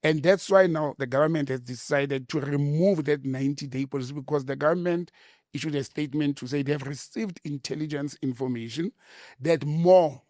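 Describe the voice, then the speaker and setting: A South African man talking politics on a talk show, emphatic and animated, often repeating words as he starts a point. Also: fairly high pitch, brisk, no echo, clean studio sound. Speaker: political commentator.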